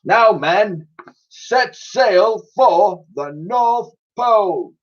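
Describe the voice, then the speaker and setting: A man's voice: sits high, expressive, very slow, voice pushed up, exaggerated voice. A man voicing a bossy old naval admiral who barks orders at his crew, in a dull, lo-fi recording. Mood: rallying. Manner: barking orders. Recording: dull lo-fi sound.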